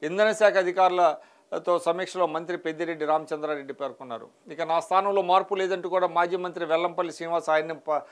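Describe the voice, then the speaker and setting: A news analyst from India's Telugu states goes through the morning newspaper headlines, reading each one and adding brief remarks, sometimes restarting. His voice is on the high side, clear and resonant.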